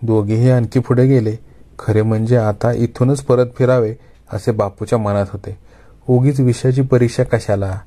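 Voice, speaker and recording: A man telling a story aloud in a measured, expressive narrating voice. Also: medium pitch. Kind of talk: Marathi kathakathan storytelling.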